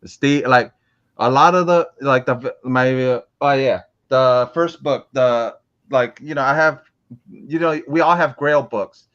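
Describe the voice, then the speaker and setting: Man, young adult, from Florida, casual interview guest, rambling, lots of restarts, mid pitch, muffled lo-fi audio. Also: unhurried, fairly bright tone. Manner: rambling with many restarts and fillers. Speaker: interviewed guest, comic collector.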